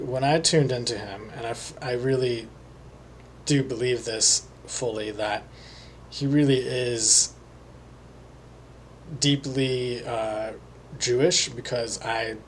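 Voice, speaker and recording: A man talking alone as a psychic reader, slowly and hesitantly, with many pauses and fillers. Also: medium pitch, slight background noise. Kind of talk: solo monologue.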